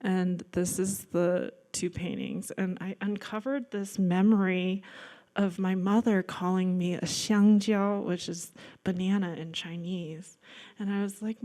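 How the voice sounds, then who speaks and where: An American woman in her thirties, a guest artist lecturer, gives a casual slide-show talk about her paintings in a lecture room. Chatty and self-deprecating, she fills her speech with likes and ums, using a fairly low, warm voice that stays steady at a measured pace.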